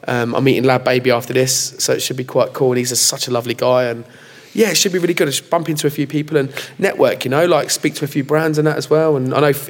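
A man talking excitedly in a casual live interview as a guest, rambling with lots of restarts. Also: mid-range voice. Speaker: comedy creator, interview guest.

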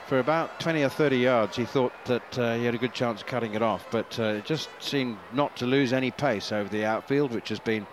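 A male cricket commentator of medium pitch describes play in short, halting phrases. Clear outdoor noise runs behind his voice. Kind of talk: live ball-by-ball cricket commentary.

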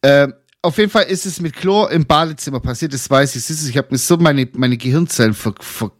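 A man's voice: fairly high pitch, fairly quick, no echo, clean studio sound. A young man, co-hosting a casual podcast chat and telling rambling stories with frequent laughter. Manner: laughs often, rambling storyteller. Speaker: podcast co-host.

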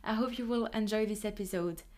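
A woman's voice: medium pitch, brisk, darkish tone. A woman hosting a podcast who introduces the show and greets her guest in an upbeat, enthusiastic way. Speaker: podcast host.

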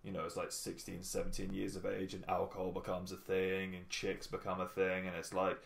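A man with a slightly low voice hosts a casual podcast. He rambles in a blunt, sweary way and slips into quoting imagined conversations. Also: monotone, fairly quick, vocal fry, echoey room. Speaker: podcast host.

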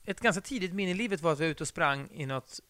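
A man's voice: on the high side, animated, sharp tone, a little hiss or hum. A middle-aged man chatting casually on a podcast, rambling and self-deprecating, with casual swearing. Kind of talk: casual conversation.

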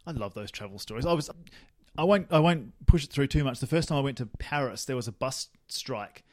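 A man's voice: mid-range voice, lively intonation, brisk, darkish tone, dry recording. Australian man spinning rambling stories, dry studio sound. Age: young adult. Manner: rambling anecdotes with self-corrections and laughs. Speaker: podcast co-host. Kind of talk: casual chat, storytelling.

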